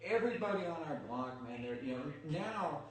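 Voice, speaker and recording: A man's voice: on the high side, lively intonation, a little fast. A man in his sixties from California, a guest musician recalling his past in a candid, reflective way. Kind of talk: casual interview chat. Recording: echoey room, distant mic, faint noise.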